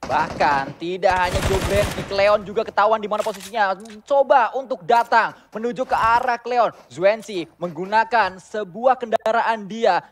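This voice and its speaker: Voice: mid-range voice, slight background noise. An esports caster with an Indonesian accent giving live, detailed, urgent play-by-play of a game match.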